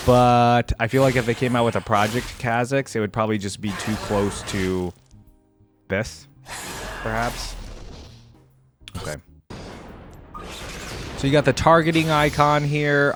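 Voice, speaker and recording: Speaking in a mid-range voice, this man riffs on reactions for his videos, casual and unscripted, working through his thoughts out loud as if chatting.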